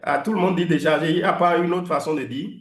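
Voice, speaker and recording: A man teaching an online class, coaching pronunciation, lively and teasing as he drills his students. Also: on the high side, fast talker, echoey room. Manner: lively, teasing, switches between French and English drills. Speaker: English teacher.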